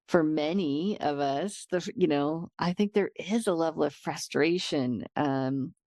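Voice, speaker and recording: Low gravelly-voiced woman podcast host. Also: a little mellow, dry recording, clean studio sound. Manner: thoughtful, searching, with many pauses and fillers. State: slightly losing her voice. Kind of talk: reflective interview conversation.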